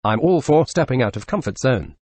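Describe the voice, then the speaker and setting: A synthetic male text-to-speech voice narrating forum posts, reading short posts back to back in even sentences. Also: medium pitch, a little fast, husky, no echo.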